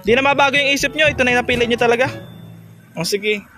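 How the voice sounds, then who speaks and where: A very high-pitched man with a bright, ringing voice runs a prize game for kids on a charity vlog. He coaxes them along playfully and laughs a lot. Faint music plays behind him. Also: little pitch movement, very fast. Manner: playful, coaxing, laughs often. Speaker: charity vlogger hosting a game for children. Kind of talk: casual chat with kids.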